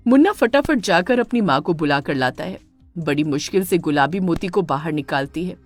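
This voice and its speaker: Expressive woman narrating a cartoon story. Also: low-pitched, normal speed, no room sound, faint music behind.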